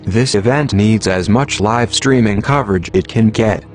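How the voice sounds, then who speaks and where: An anonymous announcer in a disguised, low, computer-generated male voice, reading a scripted manifesto in an even, mechanical way. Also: moderate pace, faint music behind.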